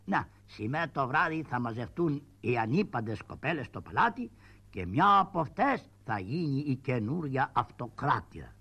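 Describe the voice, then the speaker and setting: A man voicing a fussy, fearful male town crier puppet in a shadow-puppet play, calling out in drawn-out sing-song. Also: mid-range voice, very animated, sharp tone, husky, exaggerated voice. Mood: fretful. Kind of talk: shadow-puppet theatre acting.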